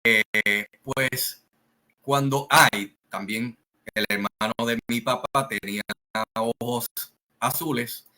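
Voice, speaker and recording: A man with a Puerto Rican Spanish accent telling a family story in a slow, rambling way, full of fillers and restarts. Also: medium pitch, steady tone, pushed and bright, low-quality recording. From Puerto Rico. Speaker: channel host. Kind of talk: casual storytelling monologue.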